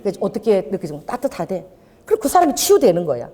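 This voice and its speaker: A middle-aged woman pastor preaching a sermon in an animated storytelling manner, with laughter and quoted voices. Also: mid-range voice, fast, long reverb tail. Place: church sanctuary.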